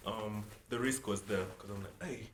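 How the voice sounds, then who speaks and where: A man's voice: fairly low pitch, moderate pace, crowd noise. A young man from South Sudan, a musician, talking casually and rambling in an interview, full of "like" and "you know". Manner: relaxed, rambling, often restarts with "like" and "you know". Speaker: musician guest. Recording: echoey room with faint noise.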